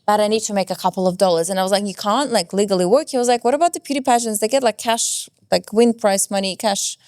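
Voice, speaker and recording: Russian-accented woman guest, 30s, casual podcast talk, middle pitch, dry mic. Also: fast, no room sound. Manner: animated, acts out her own quotes, many "like" fillers. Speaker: podcast guest, pageant winner. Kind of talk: casual storytelling chat.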